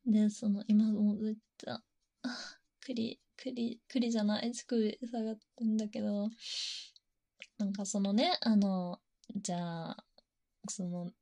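Woman, giggly and chatty in a casual erotic confessional monologue, mid-pitched with a soft, mellow timbre. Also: steady tone, unhurried, long pauses. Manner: chatty, giggly, frequent fillers.

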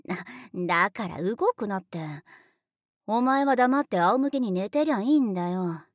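A young woman acting out a rough-talking, bossy big sister in an adult audio role-play drama, blunt and boyish with teasing laughs and some whispered lines. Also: mid-range voice, lively intonation, moderate pace, dry recording, studio quality, lightly acted.

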